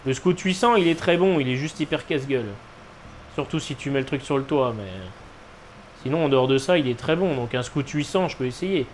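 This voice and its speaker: A man's voice: medium pitch, brisk. A man giving casual live commentary as he streams a game, with noncommittal, shrugging asides. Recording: clear background noise, game ambience.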